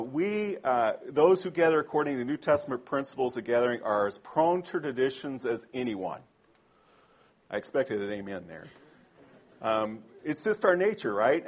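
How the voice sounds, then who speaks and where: A man's voice: mid-range voice, husky. A man preaching a sermon to a congregation in a conversational way, often asking them questions.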